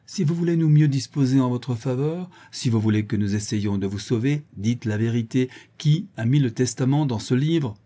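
A stern middle-aged country lawyer, read by a man in an audiobook presses his questions one after another, coldly and without mercy. The voice is warm and mellow, with a husky grain. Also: mid-range voice, normal speed, few pauses, close to an everyday voice. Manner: cold, hammering cross-examination.

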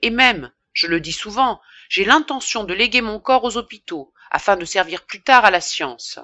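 A woman reading an audiobook voices a boastful, self-important male pharmacist who declaims loudly. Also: mid-range voice, lively intonation, moderate pace, no echo, pitched above the performer's own voice. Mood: pompous. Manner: pompous, declaiming.

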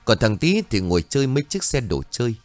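A man narrating a horror story in a steady, dramatic storytelling manner. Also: medium pitch, fast talker, no echo, faint music behind.

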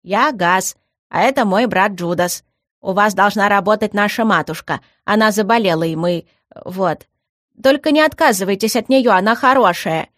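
A woman's voice: mid-range voice, normal speed, fairly bright tone, no echo, clean studio sound, natural voice. Woman doing a flustered little house spirit lad. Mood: pleading. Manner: flustered, eager to please. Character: anxious young male house spirit, protective older brother.

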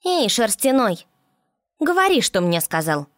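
A woman's voice: fairly high pitch, sing-song, a little slow, no room sound, studio quality, pitched above the performer's own voice. A woman reading an audiobook voices a bossy, scolding female water spirit in a raised voice.

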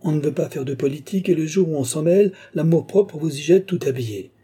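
Sly, flattering old duke read by a man, husky and mellow, audiobook. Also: a little high, quick pace, voice pushed up. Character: wily old courtier duke, smooth and flattering. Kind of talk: audiobook character voice.

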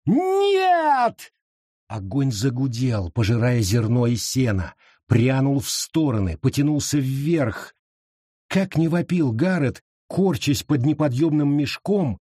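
A man narrating a horror audiobook in a slow, expressive storytelling manner. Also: medium pitch, slightly rough, no room sound, clean studio sound.

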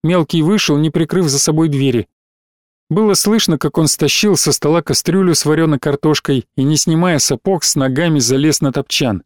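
A man narrating an audiobook with a calm, measured reading. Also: fairly high pitch, dry recording, studio quality.

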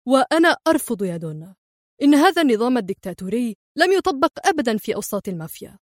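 A woman's voice: fairly high pitch, expressive, quick pace, a little mellow, no room sound. A woman reading an annoyed mafia lieutenant, curt and exasperated, dry mic. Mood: irritated. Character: irritated male mafia lieutenant.

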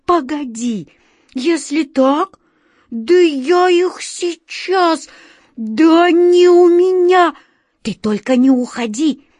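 An excitable striped tomcat wizard from a storybook, as a woman reader puts him on, jumping high and loud as he fusses and pleads. His words come out slowly, as if he has to push each one. The sound is dry and close. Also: no room sound, heavily acted. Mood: frantic. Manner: fussy, pleading, then threatening.

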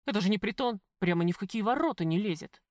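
A woman's voice: mid-range voice, lively intonation, fast talker, dry recording, studio quality, lightly acted. A woman voicing a frightened, indignant male restaurant worker. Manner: agitated, indignant.

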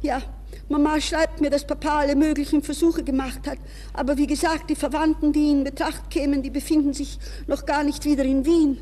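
A woman's high-pitched, mellow voice, brisk and flatly delivered, close to an everyday voice. She acts an anxious, proud young woman who pleads nervously, in 1960s radio-drama style, breathless and alternating between polite speech and inner thoughts. The recording is a reverberant, hissy 1960s radio one.

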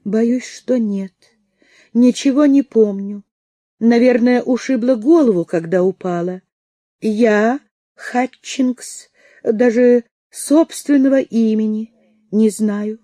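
A woman's voice: a little high, mellow, dry recording, voice pushed up. Woman voicing a bewildered, guarded young lady. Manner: measured, careful questioning.

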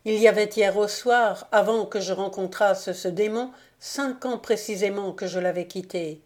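A woman's voice: medium pitch, moderate pace, darkish tone, close to an everyday voice. A woman doing an earnest, anxious young knight. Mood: hopeful.

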